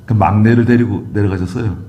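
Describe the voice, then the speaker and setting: A man's voice: fairly low pitch, steady tone, fast talker, dark tone. A male Korean pastor preaching a sermon, moving from chatty personal asides to emphatic exhortation of the congregation. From South Korea. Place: church sanctuary.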